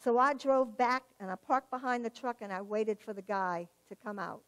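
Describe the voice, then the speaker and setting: A woman's voice: fairly high pitch, normal speed. A woman giving a personal testimony in church, telling her story vividly and acting out the dialogue. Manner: animated storyteller, acts out quoted dialogue, laughs at herself.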